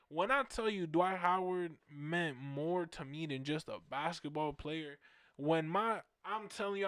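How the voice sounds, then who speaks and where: A young man in his twenties from Orlando hosts a fan show and spins animated, slang-heavy stories, hammering his points home by repeating them. His voice sits a little high for a man and rings smooth and clear. The sound is dry and close, with no room echo. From Orlando, Florida, USA. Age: 20s. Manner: animated, slangy, repetitive emphatic phrasing. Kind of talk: casual storytelling.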